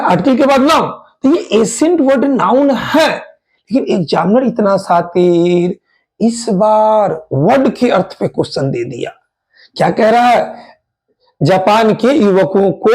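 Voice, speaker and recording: A man's voice: high voice, poor audio. A man teaching an exam-prep English grammar lesson, drawing out his explanations and asking his students repeated questions.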